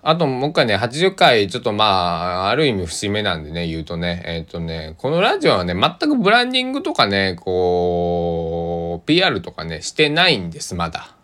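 A man's voice: sits low, huge pitch swings, brisk, a bit bright. A man from Kochi with a Kochi accent, hosting a casual solo radio talk and rambling unhurriedly with many hesitations. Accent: Kochi (Tosa) Japanese. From Kochi, Japan. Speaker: podcast host.

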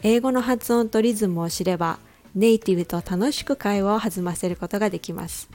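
Woman coaching English pronunciation over soft music. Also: medium pitch. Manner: reads English example sentences slowly and deliberately, twice for comparison. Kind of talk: scripted podcast lesson.

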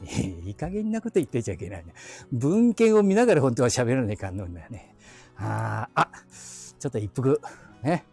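Casting: chatty Aichi-dialect man, husky, lively up-and-down delivery, outdoor walk on a phone mic. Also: mid-range voice, normal speed, faint music behind. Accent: Aichi (Nagoya-area dialect). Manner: chatty, talks to himself, chuckling asides. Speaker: live audio streamer. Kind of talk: casual rambling walk-and-talk. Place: outdoors on quiet residential streets. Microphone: phone held in hand while walking.

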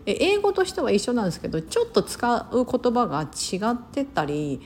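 A woman's voice: fairly high pitch, wildly swooping pitch, moderate pace, a little mellow, a little hiss or hum. A woman from Osaka chatting casually on her podcast, full of fillers and self-corrections. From Osaka, Japan. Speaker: podcast host. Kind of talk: casual solo talk.

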